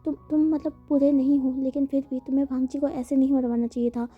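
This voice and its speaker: A woman reading the lines of a caring old grandmother who gently reproaches. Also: high voice, flat delivery, fast, phone-quality sound, soft background music, natural voice. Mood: reproachful.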